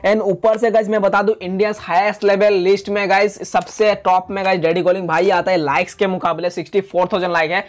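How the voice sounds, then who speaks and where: A young man talks over his gameplay footage in a high, animated voice, chatty and quick to complain with mock drama. He sounds close to a desktop mic at home. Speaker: gaming YouTuber.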